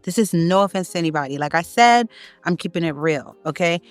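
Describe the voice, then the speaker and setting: An animated Haitian woman creating online content talks fairly quickly in a clear, resonant voice, giving a strongly opinionated casual monologue. When she makes a point, her pitch rises emphatically. The recording is dry, with soft music underneath.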